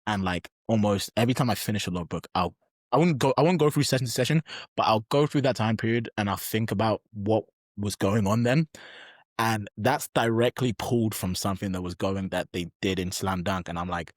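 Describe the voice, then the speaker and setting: A man's voice: on the low side, a little fast, no room sound, clean studio sound. A young adult man chatting as a podcast guest, enthusiastic and emphatic, with frequent restarts. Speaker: podcast guest, pro bodybuilder. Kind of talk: casual podcast chat.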